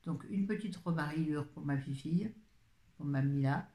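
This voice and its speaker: A woman's voice: low voice, a little slow, dark tone, echoey room. An older woman chatting casually on a live video, reviewing a book in a rambling, easily sidetracked way, speaking into a phone.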